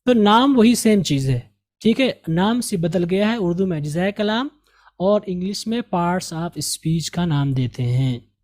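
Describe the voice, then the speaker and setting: A man from India teaching an English lesson, repeating example sentences slowly and carefully to correct pronunciation. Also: high-pitched, expressive, darkish tone. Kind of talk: recorded language lesson.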